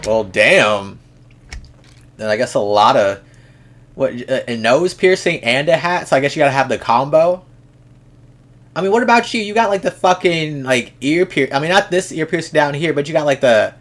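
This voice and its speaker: Hosting a reaction video, this young man talks in a slightly high, expressive voice at normal speed. He's frank and rambling, with plenty of swearing and lots of false starts.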